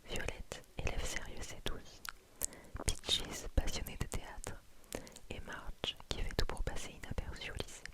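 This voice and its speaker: A woman whispers throughout in a breathy, unvoiced library hush. She speaks softly and very close to the microphone, in the style of an ASMR reviewer recommending books. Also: measured pace.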